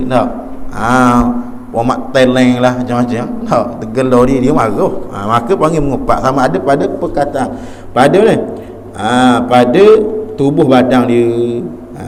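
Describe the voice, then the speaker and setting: A man with a Terengganu Malay accent giving a religious lecture in a village prayer hall, talking colloquially and often asking the audience rhetorical questions. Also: on the high side. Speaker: religious teacher.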